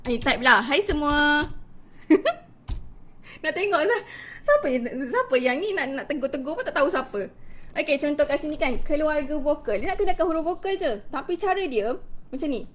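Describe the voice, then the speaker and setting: A woman's voice: high voice, lively intonation, moderate pace. A woman teacher with a Malaysian accent, giving a casual live-stream lesson, chatty and peppering her talk with little interjections as she greets viewers.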